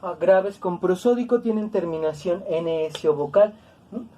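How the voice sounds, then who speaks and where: A woman teaching a grammar lesson, speaking slowly and deliberately, repeating words to stress each syllable. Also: lowish voice, mellow. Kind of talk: classroom-style grammar lesson.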